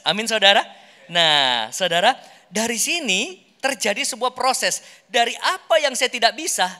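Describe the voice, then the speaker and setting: A man's voice: sits high, pushed and bright. A man preaching in a conversational way, often addressing his congregation directly and acting out short everyday examples. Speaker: pastor giving a workshop talk. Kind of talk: animated sermon teaching. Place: large hall, speaking to an audience. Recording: echoing hall with long reverb.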